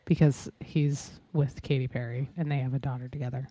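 Woman, low voice, teasing, quick corrections, casual podcast chat, dry room. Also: steady tone, warm tone, no room sound, muffled recording. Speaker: podcast co-host.

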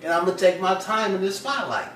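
Man, podcast co-host, slow and long-winded, lively pitch, bright tone, echoey room, mic a bit far. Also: slight background noise. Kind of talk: casual podcast banter.

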